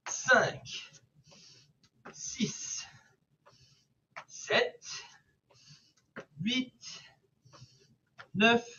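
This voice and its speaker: A man with a high voice leads an exercise class in the manner of an aerobics instructor. He counts reps and gives short, encouraging cues at a very unhurried pace while working out himself. The sound is distant from the microphone. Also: bright, forceful tone, highs cut off, a little hiss or hum. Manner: switches between English and French. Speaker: fitness coach leading a bodyweight warm-up class. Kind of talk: live online workout instruction. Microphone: away from the mouth, at a distance.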